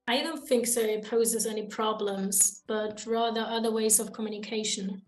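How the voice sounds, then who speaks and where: Young woman host from Germany, higher voice, measured reading over faint music. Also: steady tone, low-quality recording. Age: young adult. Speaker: podcast host. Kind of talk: student podcast, read from notes.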